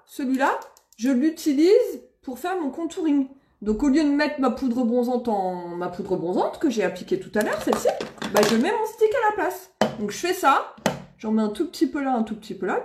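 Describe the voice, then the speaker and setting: Bubbly high-voiced woman live-streaming makeup. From Seine-et-Marne, France. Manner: bubbly, exclamatory, laughs often. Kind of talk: chatty live-stream talk to followers. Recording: echoey room.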